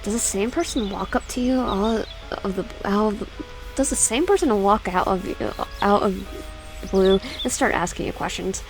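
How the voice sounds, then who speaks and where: With a medium-pitched voice over background music, a young adult woman on a gaming YouTube channel reads a horror visual novel in fits and starts, then chats with her viewers. The recording is rough.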